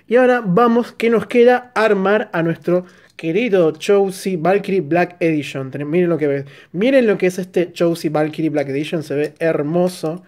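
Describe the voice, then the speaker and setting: An Argentine man with an Argentine Spanish accent, narrating a toy unboxing and review with excitable bursts of exclamation. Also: sits high, moderate pace, few pauses.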